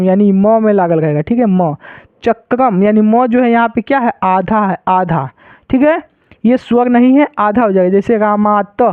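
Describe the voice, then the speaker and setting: A man with a high, smooth voice teaches Sanskrit in a classroom-style lesson, repeating his points and often checking that students are following. The recording is dry and tinny, like a phone.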